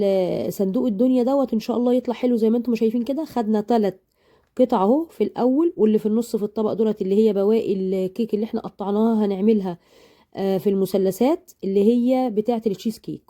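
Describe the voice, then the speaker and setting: Still slightly hoarse from a recent sinus illness, a baking channel host with an Egyptian accent walks viewers through a relaxed cooking lesson. She's chatty and fond, drifting into tangents, and her warm voice sits a little high.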